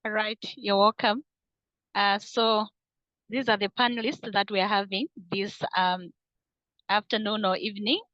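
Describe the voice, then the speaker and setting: A woman's voice: mid-range voice, fairly even intonation, unhurried, fairly bright tone, no echo. A woman from Malawi moderating an online panel, polite and using many fillers. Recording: muffled online call audio.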